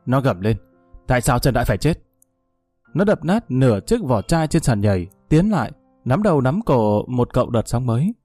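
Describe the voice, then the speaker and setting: A man narrates a dramatic story in a measured voice that is warm and mellow. The recording is dry and close. Faint music plays underneath. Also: medium pitch, big pitch swings, no room sound.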